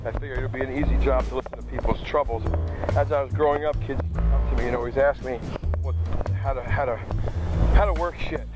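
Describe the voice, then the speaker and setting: A man's voice: mid-range voice, steady tone, fast, music in the background, low-quality recording. A middle-aged man rambling casually and swearing as he walks outdoors, recorded through headphones used as a microphone, with clicking and tapping. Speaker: outdoor vlogger. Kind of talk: rambling casual monologue to camera while walking. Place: outdoors in open grassland, walking.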